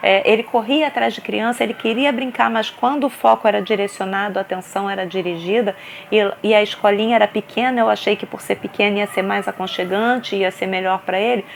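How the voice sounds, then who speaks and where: A woman's voice: medium pitch, brisk, gravelly, a little hiss or hum. A woman in her thirties with a Brazilian Portuguese accent, a mother earnestly telling her own story to the camera, restarting often. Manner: earnest, animated, many restarts and repeated fillers. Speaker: vlogger mother sharing her experience.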